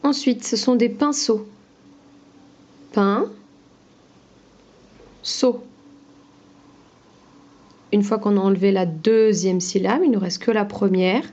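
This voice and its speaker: A woman teaching a phonics lesson to young children, pronouncing each word slowly and clearly, syllable by syllable. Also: mid-range voice, mellow, highs cut off. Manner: slow, clear syllable-by-syllable pronunciation.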